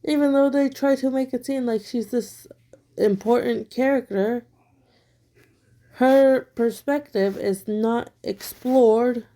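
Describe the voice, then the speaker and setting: Her pitch on the high side, her tone dark and her pace slow, a woman offers blunt, critical opinion commentary from home. She's an online commentator, a little sick with her throat still bothering her, and she leans on fillers.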